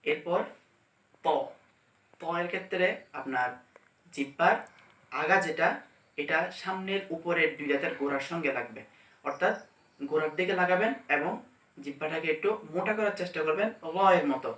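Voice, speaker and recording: A man teaching pronunciation step by step, demonstrating each letter slowly and carefully. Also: a little high, fairly bright tone, far from the mic. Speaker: Quran teacher. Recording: echoey room, mic set back.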